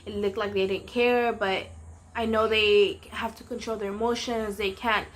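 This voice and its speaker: A woman's voice: medium pitch, steady tone, normal speed, a little hiss or hum. Woman rambling through a storytime vlog. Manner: rambling, full of "um" and "you know". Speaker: vlogger telling a personal story.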